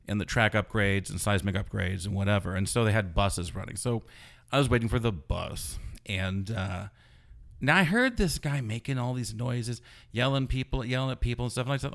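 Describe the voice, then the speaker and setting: A man, a blogger being interviewed, telling a story in a casual, rambling way and filling it with "you know". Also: mid-range voice. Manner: rambling, animated retelling full of "you know". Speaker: blogger guest.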